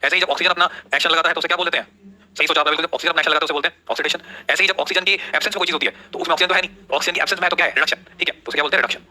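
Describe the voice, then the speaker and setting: A man's voice: fairly high pitch, fairly even intonation, racing, bright, forceful tone. A man teaching a live online class, who keeps asking questions, repeating the key terms and urging viewers to take notes. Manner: asks rhetorical questions and repeats the answers.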